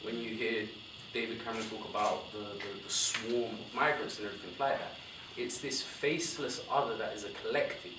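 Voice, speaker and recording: Young man, panel speaker, animated, self-correcting, distant mic, roomy hall. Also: on the low side, a little fast, hardly any pauses, noisy background. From born in Somalia, raised in West London. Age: young adult. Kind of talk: panel discussion talk. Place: university lecture room.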